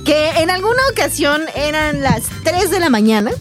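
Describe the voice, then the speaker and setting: A woman's voice: sits high, expressive, normal speed, soft background music. A woman with a northern Mexican accent co-hosting a radio show, chatting and telling stories in a teasing, conversational way. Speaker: radio co-host. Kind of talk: casual chat and anecdote.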